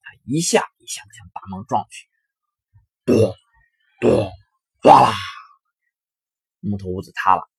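A man narrating a children's story in a lively, expressive reading. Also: low voice, measured pace, creaky, pauses often, breathy edge, no echo. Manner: lively, expressive reading with sharp rises in volume.

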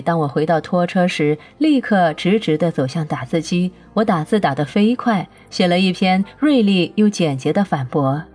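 A woman reading an audiobook in a steady, measured first-person style, her voice pitched on the low side. Soft music sits faintly in the background. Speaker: audiobook narrator.

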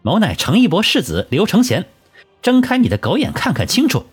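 A man voicing an arrogant young male noble heir in an audiobook, shouting in a shrill, blustering way. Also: huge pitch swings, brisk, breathy edge, faint music behind, exaggerated voice. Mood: haughty.

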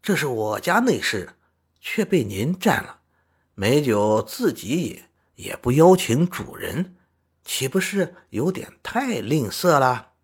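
A man's voice: mid-range voice, big pitch swings, takes it slowly, slightly rough, heavily acted. A man voicing a bold, carefree young male scholar in a storybook reading, brash and jovial in manner.

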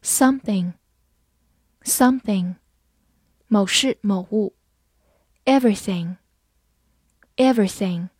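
A woman teaching English vocabulary in Chinese, spelling each word out letter by letter and reading example sentences slowly. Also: medium pitch, mellow, dry recording, clean studio sound. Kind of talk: vocabulary lesson.

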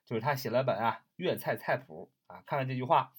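Lively, husky-voiced male vocabulary teacher. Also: mid-range voice. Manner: spells words out slowly letter by letter, repeats words often; explains in a chatty, friendly way. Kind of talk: recorded vocabulary lesson.

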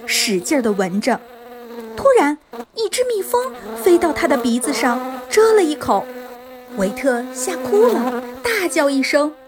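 A woman narrating a scripted children's story in an expressive storytelling manner, as if for young listeners. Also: sits high.

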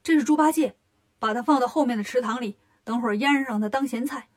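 A woman's voice: on the high side, fast talker, natural voice. A woman voicing a scheming male roc demon in a storybook reading.

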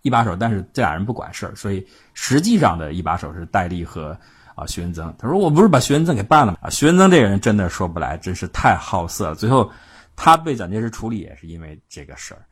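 Low husky male history storyteller. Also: very animated, fast. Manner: chatty, colloquial, frequent "ah" fillers. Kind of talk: casual spoken history storytelling.

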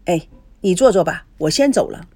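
A woman's voice: on the low side, lively intonation, moderate pace, warm tone, no echo. Woman reading as guarded young woman, curt snappy lines, dry mic. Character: secretive, troubled young woman.

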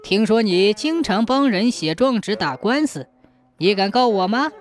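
A woman's voice: medium pitch, animated, normal speed, soft background music, natural voice. A woman voicing a pompous, hot-tempered male county magistrate in a folk tale, blustering and sneering.

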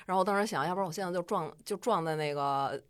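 A woman with a Beijing accent telling a personal story in a chatty, colloquial and animated way. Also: lowish voice, fast talker, clear, resonant tone.

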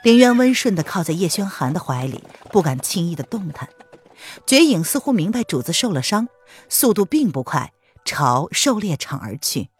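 A woman narrating an audiobook in an expressive storytelling read. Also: fairly low pitch, normal speed, breathy edge, faint music behind.

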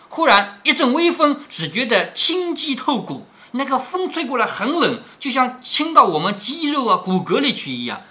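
A man's voice: high-pitched, sharp tone. A middle-aged man reading a classic novel aloud to his daughter, stopping often to explain and asking rhetorical questions.

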